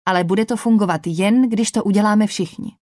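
A woman's voice: mid-range voice, a little mellow, dry recording, clean studio sound, close to an everyday voice. A woman reading the lines of a firm, strained female ship officer in an audiobook. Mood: tense.

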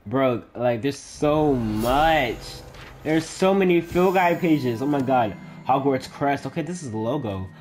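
A man giving casual let's-play commentary, excitable and chatty, reading game text aloud haltingly. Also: medium pitch, slight background noise. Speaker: gaming YouTuber.

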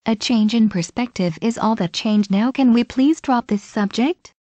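A woman's voice: a little high, normal speed, warm tone, dry recording, lightly acted. A woman voicing a weary old male village leader who speaks curtly and commandingly. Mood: stern. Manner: curt, commanding.

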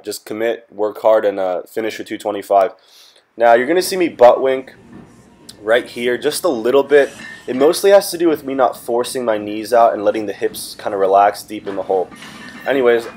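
A young man in his twenties, a fitness vlogger talking casually over his workout footage and addressing viewers as guys. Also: on the low side. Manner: relaxed, chatty, talks to viewers as "guys". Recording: music playing underneath.

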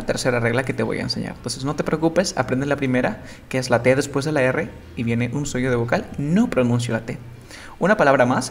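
A man teaching an English pronunciation lesson, explaining patiently and repeating example words slowly and with emphasis. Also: medium pitch.

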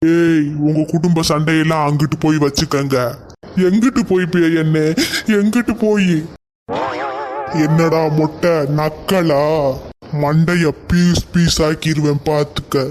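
A man's voice: a little high, steady tone, measured pace, a little mellow, slight background noise, natural voice. A man voicing a menacing, short-tempered male ghost in a cartoon, talking in a threatening, mocking way.

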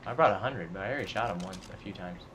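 A young man hosting a casual gaming session with a friend, laid-back and quick to laugh. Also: sits low, fairly bright tone, slight background noise. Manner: laid-back, laughs easily, squeals when startled. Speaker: channel host, game player.

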